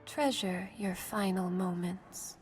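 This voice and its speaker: Woman doing a calm solemn lamb death spirit for a game, slow n breathy, poetic, bit of music behind. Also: mid-range voice, natural voice. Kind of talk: video game character voice acting.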